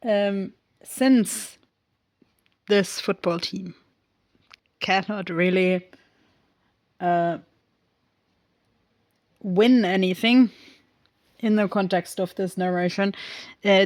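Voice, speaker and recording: Recapping a film, this reviewer rambles casually, pausing often, using plenty of fillers, and wandering off on tangents in English, her second language. She has a mid-range voice with a steady tone, recorded without any room sound.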